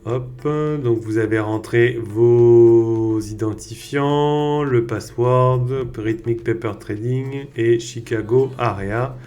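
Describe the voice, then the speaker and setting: A man hosting a trading tutorial, walking viewers step by step through software settings in a casual way with many fillers. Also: medium pitch, steady tone, slow, few pauses, faint music behind. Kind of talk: screen-share software tutorial.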